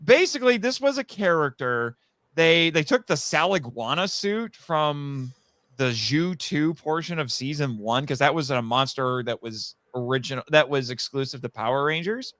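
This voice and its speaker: A man with a fairly high, bright-ish voice and lively intonation talks at a moderate pace with no echo. He's a guest on a fan podcast, an audio drama writer, explaining things eagerly and at rambling length in an animated, casual fan discussion.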